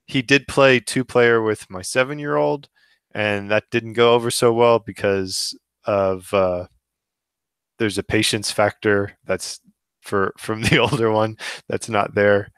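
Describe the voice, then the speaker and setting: Podcast co-host, man, thirties, smooth low voice, casual and halting, dry close mic. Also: dry recording. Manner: hesitant, many restarts and fillers, relaxed. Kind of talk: casual gaming chat.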